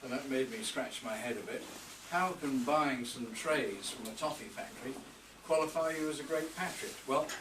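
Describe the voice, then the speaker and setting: A man's voice: medium pitch, moderate pace, few pauses. Older man giving a tribute speech. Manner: dry humour, storytelling pace. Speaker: speaker giving a birthday tribute. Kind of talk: after-dinner speech with anecdotes. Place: hotel reception room. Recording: roomy, distant, noisy function room.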